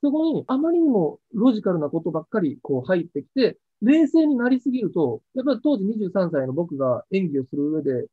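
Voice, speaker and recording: Fields: Sex: man. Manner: lively, animated storyteller. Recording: dry, tinny, phone-like. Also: high-pitched, brisk, hardly any pauses, breathy edge, no echo. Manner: lively storyteller acting out quoted lines. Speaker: actor interviewed about a past role. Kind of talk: animated interview chat.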